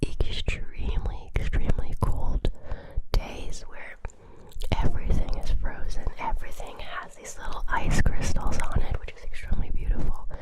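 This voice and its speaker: An ASMR creator whispering a casual chat close to the ear, fully unvoiced and breathy. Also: normal speed, rough recording. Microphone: close ear-to-ear ASMR microphone.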